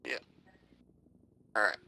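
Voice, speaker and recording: A man's voice: slow, sharp tone, a little hiss or hum, rough recording. A man playing a helicopter pilot in a military flight sim, answering casually and making formal tower calls. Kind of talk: gaming chat and radio calls.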